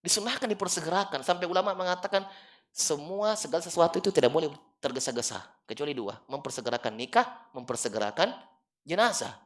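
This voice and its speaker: A man giving an Islamic study lecture in a prayer room. He drops to low asides, then bursts into loud, emphatic lines, and often checks whether his listeners follow. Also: animated, fast talker. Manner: checks with listeners by asking "clear?". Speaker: religious teacher. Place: prayer room in an office building.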